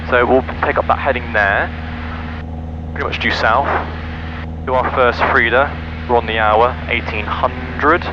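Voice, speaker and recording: A private pilot, a man with a medium-pitched voice, makes radio calls and methodically talks himself through cockpit checks while flying a small light aircraft. He speaks over an aviation headset, and the intercom sound is dull beneath loud engine noise.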